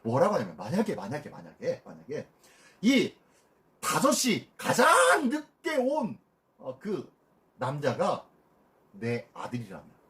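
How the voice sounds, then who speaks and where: A man's voice: fairly high pitch, huge pitch swings, a little slow, long pauses, a bit bright. A middle-aged male pastor teaching a Bible study, telling a parable, acting out its dialogue and asking the congregation questions.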